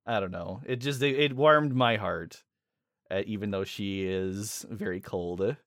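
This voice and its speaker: A man co-hosting a podcast in casual chat, animated and laughing often as he retells scenes. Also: fairly low pitch, a little slow, dry recording, clean studio sound. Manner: animated, laughs often, quotes characters in funny voices. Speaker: podcast co-host.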